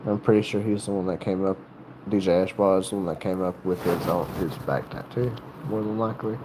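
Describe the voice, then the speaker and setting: A deep, steady male voice comes over background noise as a North Carolina livestream host chats casually. He has a Southern accent and rambles, hesitating and restarting his sentences frequently.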